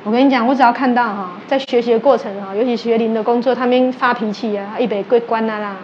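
A woman's voice: on the high side, fast talker, muffled recording, a little hiss or hum. A woman with a Taiwanese Mandarin accent that mixes in Hokkien, giving a sermon as a religious teacher. She tells stories, acts out quoted exchanges and asks her listeners questions. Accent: Taiwanese Mandarin, mixing in Taiwanese Hokkien. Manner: animated storytelling, acting out quoted exchanges.

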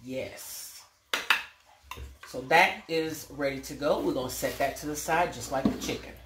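A low-pitched, measured voice belongs to a middle-aged American woman who hosts a casual home cooking demo in a folksy, playful manner. Recorded indoors in a home kitchen, the sound is roomy and clearly noisy, with clicks throughout.

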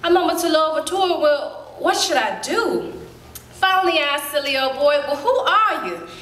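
Woman performing a spirited storyteller recalling girlhood. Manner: lively storytelling, colloquial, with quick leaps up in pitch. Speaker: stage actor. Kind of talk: dramatic monologue in a staged reading. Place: theater stage. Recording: roomy hall.

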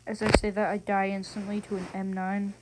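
A gaming video host giving casual, excitable gameplay commentary, slangy and given to frustrated exclamations, on a noisy recording with clicks. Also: medium pitch, brisk.

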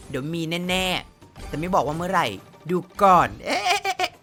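A woman's voice: fairly low pitch, normal speed, a bit bright, faint music behind. A woman streaming a slot game, chatting playfully with her viewers and exclaiming at each spin in casual gameplay commentary.

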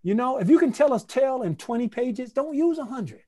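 A man with a high voice leads an online playwriting masterclass over a video call. He talks conversationally, repeats phrases for emphasis and breaks into lively scatted rhythms. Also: a little fast. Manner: animated, scats rhythms aloud. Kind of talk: lively online workshop teaching.

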